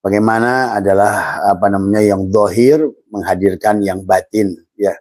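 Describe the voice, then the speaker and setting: Halting, low-voiced male religious teacher. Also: steady tone, darkish tone, no echo. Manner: slow, halting delivery with many fillers and repeated words; addresses listeners as friends, refers to himself in third person. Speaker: Islamic mysticism teacher. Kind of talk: informal religious lecture.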